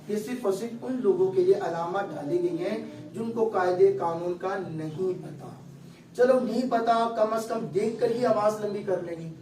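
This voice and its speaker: A man's voice: high voice, dark tone, roomy sound, far from the mic, slight background noise, poor audio. A male teacher giving a classroom lesson on Quran recitation, explaining step by step and quizzing his students.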